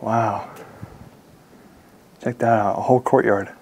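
A young man casually narrating a walkthrough of an empty mansion, talking to his viewers with excitement. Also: on the low side, slow, slightly rough. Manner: excited, addresses viewers as guys. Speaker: urban explorer vlogger. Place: large empty mansion indoors.

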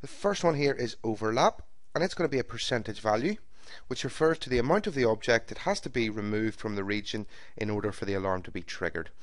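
Here a fairly low-voiced man records voice-over for a screen capture, explaining a software setup one methodical step at a time, calm as a trainer. His pace is fast. Miked closely, the sound is dry with no room sound.

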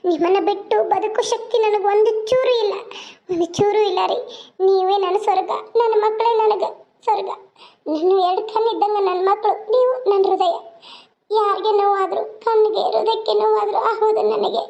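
A woman voicing a young orphaned wife in a cartoon, gentle and imploring. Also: extremely high pitch, fairly even intonation, normal speed, vocal fry, dull audio. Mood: pleading. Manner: tearful, imploring.

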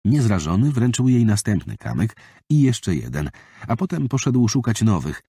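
Man reading an audiobook, low mellow voice, lively delivery, dry close studio sound. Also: normal speed, husky, dry recording. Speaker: audiobook narrator. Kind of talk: scripted audiobook narration. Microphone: close studio mic.

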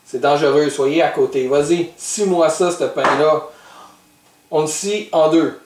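Here the same kind of host, a Québécois man teaching kids to cook, sounds a little high and a touch slow, with fairly even intonation. His manner stays playful, teasing, and patiently instructive, while the distant mic catches a noisy, echoey room around his Québécois French accent.

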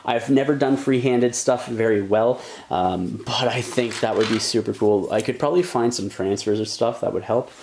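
Excited hobby host with a gravelly voice. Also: male voice, mid-range voice, moderate pace, few pauses, a little hiss or hum. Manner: rambling, enthusiastic, many ums and likes. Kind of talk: casual unboxing talk.

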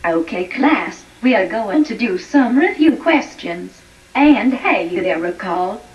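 A female computer voice playing a strict teacher, flat and synthetic, heard from afar with a dull sound. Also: medium pitch, slow pace. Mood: scolding. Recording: distant, dull TV-speaker sound.

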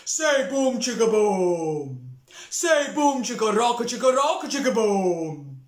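A huge giant chants in a slow, heavy rumble, put on by a woman. Every word is drawn right out, and the pitch swings widely. The voice rings in a roomy space. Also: big pitch swings, darkish tone. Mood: booming. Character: big slow booming giant. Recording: roomy echo.

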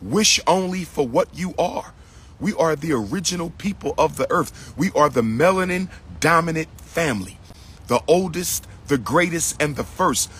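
A middle-aged man addresses his followers as a lecturer would, recording an impassioned selfie video with his phone at arm's length in an outdoor park. His voice is on the high side, animated and fairly bright at a moderate pace, growing preachy, emphatic and repetitive until it becomes declamatory, over slight background noise.

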